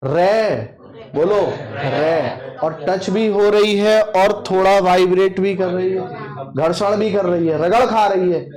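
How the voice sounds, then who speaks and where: A man's voice: high voice, fairly even intonation, a little mellow. A man teaching an exam-prep language class, drilling students by repeating questions and answers aloud. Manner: slow, emphatic explanation. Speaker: Hindi teacher.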